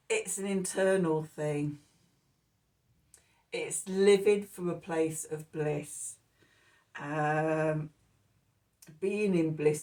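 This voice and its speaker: Woman doing a tarot reading, slow and chatty, lots of ums, a bit far from the mic. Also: fairly low pitch, a little mellow. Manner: chatty and laughing often, with many ums. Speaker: tarot reader. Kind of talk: casual spoken tarot reading.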